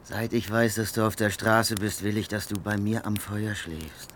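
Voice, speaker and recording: A man's voice: lowish voice, fairly even intonation, normal speed, fairly bright tone, slight background noise, lightly acted. Man playing a brooding street tough. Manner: brooding, muttering, sudden outbursts. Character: unsettling rough homeless man by a fire. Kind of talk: radio drama acting.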